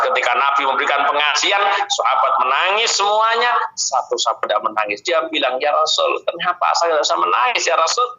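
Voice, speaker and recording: A man's voice: mid-range voice, pushed and bright. A man with a Javanese accent preaching a sermon, reciting Arabic and then explaining it, and often speaking straight to his listeners. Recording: echoey, dull lo-fi recording.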